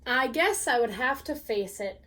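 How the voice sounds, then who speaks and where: A woman reading a picture book aloud as a bedtime story, pausing to ask the listener questions. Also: high-pitched, a little hiss or hum. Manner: slow, gently expressive reading with questions to the listener.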